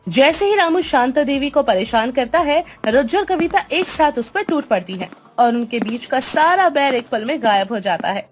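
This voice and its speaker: A woman narrating a cartoon family story in an even storybook manner. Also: high voice, moderate pace, hardly any pauses, soft background music.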